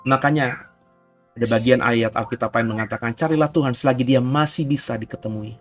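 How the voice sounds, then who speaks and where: A man, a pastor giving an emphatic Bible teaching sermon that rises to near-shouts on key points. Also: medium pitch, fairly even intonation, fairly quick, faint music behind.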